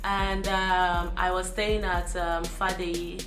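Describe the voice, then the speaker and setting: A woman from Nigeria speaking in an unhurried way in a documentary interview. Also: fairly low pitch, little pitch movement. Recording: echoey room, distant mic, music bed.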